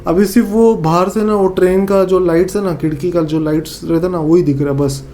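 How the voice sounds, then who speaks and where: A man with a Northeast Indian accent telling a horror story in a casual, animated way, acting out his friends' lines with many fillers and repeats. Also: high voice, brisk.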